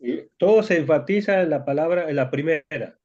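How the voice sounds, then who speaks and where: A man's voice: a little high, brisk, darkish tone. Man reading a verse over a dull call line. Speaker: student in a Bible class. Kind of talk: reading a verse aloud in class. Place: video call.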